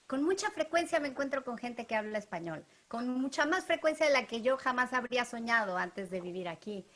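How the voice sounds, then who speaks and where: A middle-aged woman hosts an interview, sharing her view in a reflective, measured way. Her voice sits slightly high. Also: fairly bright tone. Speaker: interviewer, show host. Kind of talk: conversational interview.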